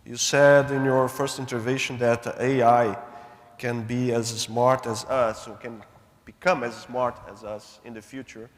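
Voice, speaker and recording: A man's voice: mid-range voice, level tone, a little slow. A man moderating a roundtable, polite and hesitant with many fillers. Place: large conference hall. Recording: reverberant hall.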